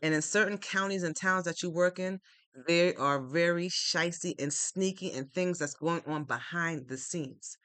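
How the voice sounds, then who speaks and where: A man's voice: on the high side, moderate pace, pushed and bright, clear, resonant tone, no room sound. A man hosting a live stream, giving earnest, repetitive, faith-based encouragement to viewers. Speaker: livestream host. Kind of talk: motivational live-stream talk.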